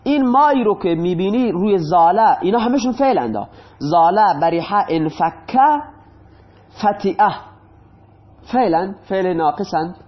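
In a dull, lo-fi recording, a man whose expressive voice sits high teaches grammar. He patiently goes over examples again and again, asking questions and then supplying the answers himself.

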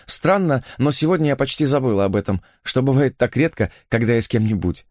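Soft, hesitant young woman with a scarred face, man doing her voice in a raised tone, lively lilting delivery, dry close sound. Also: medium pitch, a little fast, no echo, close to an everyday voice. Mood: relieved. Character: shy, scarred young woman, gentle and sad. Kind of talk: audiobook character voice.

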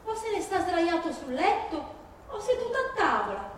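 A woman performs a fierce, grieving Sicilian mother disowning her criminal son in a dramatic stage monologue, her high voice swinging widely in pitch at normal speed. The mood is indignant pleading, delivered emphatically and plaintively with repeated phrases. It was recorded from afar in a very echoey hall, with faint noise.

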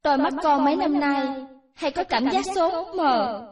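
A woman voicing an excitable, remorseful young female cashier in her twenties. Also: sits high, a little slow, voice pushed up. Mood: earnest. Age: 20s. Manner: excitable, exclaiming, pleading. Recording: roomy echo, distant from mic.

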